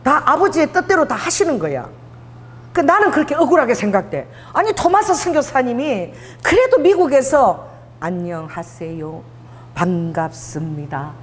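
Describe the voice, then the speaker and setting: A woman's voice: sits high, moderate pace. Woman pastor w/ busan accent, preaching in a church hall, big swooping voice, long reverb. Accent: Busan dialect. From Busan, South Korea. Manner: animated storytelling, acts out dialogue, laughs often. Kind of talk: sermon. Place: church sanctuary.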